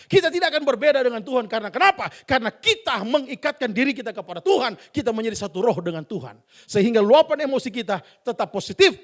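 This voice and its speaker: Lively high-voiced male pastor preaching. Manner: playful, animated, addressing the congregation. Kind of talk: sermon. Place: church.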